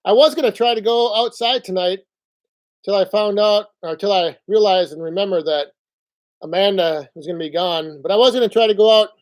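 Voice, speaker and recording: Laid-back man chatting on a live stream. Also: sits high. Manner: relaxed, rambling, reads out viewer chat. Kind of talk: casual live stream chat. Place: indoors at home. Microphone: phone.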